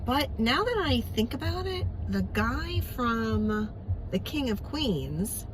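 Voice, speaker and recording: A woman from Long Island with a Long Island accent, rambling warmly through a video message to a friend with many pauses and fillers. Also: on the high side, very animated, noisy background. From Long Island, New York.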